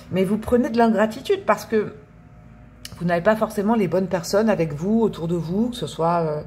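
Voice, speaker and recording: A woman's voice: mid-range voice, darkish tone, a little hiss or hum. Woman, tarot reader, casual, hesitant, rambling. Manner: chatty, hesitant, repeats words, laughs and hums song lines. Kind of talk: casual tarot reading to camera.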